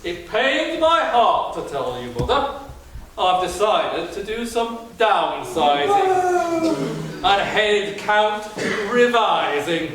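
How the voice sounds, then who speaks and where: In a very echoey, noisy hall recording, a man plays a pompous pantomime villain, a stern rich father. He declaims his rhymes slowly in a high voice. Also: very animated, fairly bright tone, distant mic, full character voice. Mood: haughty, callous. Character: stern, scheming wealthy village landlord and father. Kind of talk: rhyming stage pantomime villain acting.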